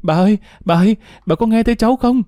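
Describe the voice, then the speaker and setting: Young boy figure, sobbing, screaming, high pitched, audio story, man voicing him. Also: fast talker, warm tone, no echo, studio quality, close to an everyday voice. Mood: desperate.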